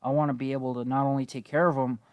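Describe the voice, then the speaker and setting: A man's voice: medium pitch, flat delivery, rapid-fire, dry recording, muffled recording. A man in his twenties giving casual, rambling gameplay commentary, slightly wheezy from a cold, laid-back and given to swearing. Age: 20s. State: coming down with a cold. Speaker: gaming video host.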